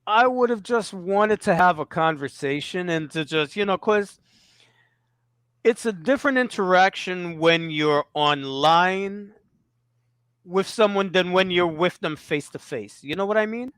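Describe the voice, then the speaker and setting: A man's voice: high-pitched, animated, unhurried, a bit bright, smooth, no room sound. A man telling a story in casual conversation, laughing often, swearing and repeating himself.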